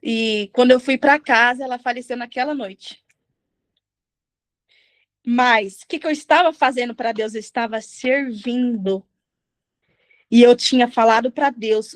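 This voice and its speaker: Brazilian woman preacher, high voice, earnest emphatic testimony. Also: moderate pace, dry recording. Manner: earnest, emphatic, acts out quoted speech. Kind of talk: sermon with personal testimony.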